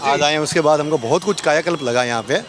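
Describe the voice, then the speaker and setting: A man from Coimbatore in Tamil Nadu, speaking scornfully and forcefully in a street interview. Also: on the high side, fast. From Coimbatore, Tamil Nadu, India.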